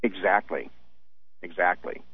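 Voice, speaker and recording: A man phoning a radio show and giving his opinion in casual, measured talk. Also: deep voice, slightly rough, dry recording. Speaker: radio phone-in caller. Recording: muffled narrow phone line.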